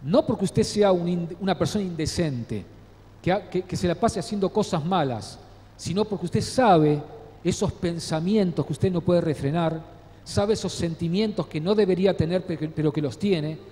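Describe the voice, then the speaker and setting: A pastor preaching a sermon, earnestly addressing the congregation and often asking rhetorical questions. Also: male voice, high voice, moderate pace, dark tone. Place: church sanctuary. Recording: long church reverb.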